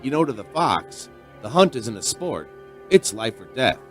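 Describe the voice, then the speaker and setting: With soft music underneath, an actor portrays a reflective, sentimental bartender spinning a strange tale like a radio drama. His medium-pitched voice moves widely, fairly bright in tone, at a slightly slow pace.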